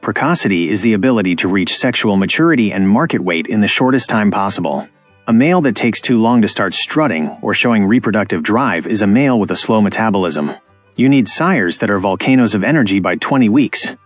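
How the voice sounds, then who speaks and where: A man's voice: fairly low pitch, expressive, brisk, husky, dry recording. A man giving an emphatic, instructive scripted voice-over about farm breeding. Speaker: farming channel narrator. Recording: dry close voice-over with faint music.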